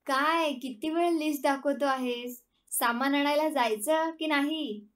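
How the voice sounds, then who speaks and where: A woman voicing a teasing, mischievous young man in a calm, unhurried read. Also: high-pitched. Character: joking young man, cheeky. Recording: distant from the mic.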